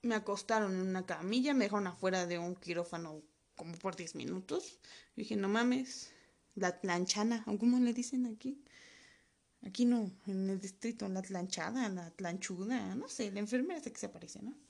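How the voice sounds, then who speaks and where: A woman's voice: mid-range voice, brisk, creaky, darkish tone. A woman with a Mexican accent telling a funny personal anecdote, crude and slangy, full of swearing. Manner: crude, profanity-laced, slangy storytelling.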